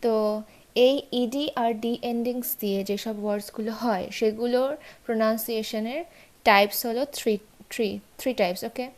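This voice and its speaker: A woman teaching English pronunciation rules in a bilingual lesson, slowly repeating and spelling out example words. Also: on the high side, fairly even intonation.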